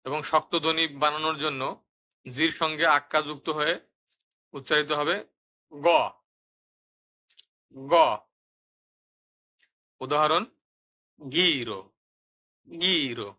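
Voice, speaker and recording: A man with a very bright, sharp voice leads a patient pronunciation lesson. He explains each rule plainly and says every example word twice, slowly and distinctly. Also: a little high, level tone. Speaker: language teacher. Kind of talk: step-by-step lesson narration.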